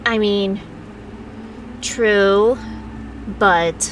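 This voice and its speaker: A woman giving casual, expressive gameplay commentary, playfully talking back to the game. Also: mid-range voice, drawn-out words, recorded from a distance, slight background noise. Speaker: gamer reacting while playing.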